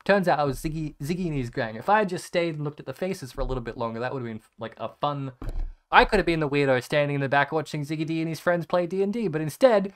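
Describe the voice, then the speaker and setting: A man's voice: on the high side, fast talker. A young man telling a rambling, sarcastic story in a casual chat, swearing freely as he looks through his photos. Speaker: content creator.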